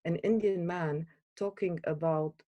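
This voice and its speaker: A woman's voice: lowish voice, steady tone, dark tone, dry recording, highs cut off. Earnest, hesitant woman guest, dry sound. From Iraq. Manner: hesitant, pausing with fillers, earnest. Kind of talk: interview.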